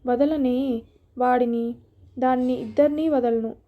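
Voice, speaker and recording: A woman's voice: high voice, steady tone, takes it slowly, narrow, tinny audio, a little hiss or hum. Woman voicing a furious proud village landlord. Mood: raging. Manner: furious, shouting threats. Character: proud angry middle-aged male village landlord.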